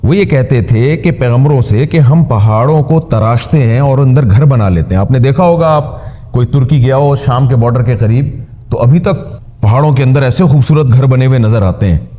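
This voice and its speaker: A man, an Islamic preacher, delivers a sermon in a loose, chatty manner, slipping in wry, mocking asides. His voice is mellow and middle-pitched. The recording is dull and lo-fi. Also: normal speed. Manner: conversational, wry and mocking at times.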